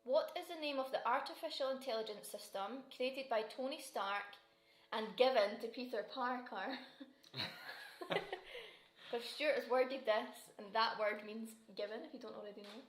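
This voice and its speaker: A Scottish woman with a fairly high voice hosts a relaxed quiz, reading the questions aloud and giggling between them. The sound is roomy and echoey. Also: normal speed. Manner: giggly, chatty, reads questions twice. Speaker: quiz host. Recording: roomy echo.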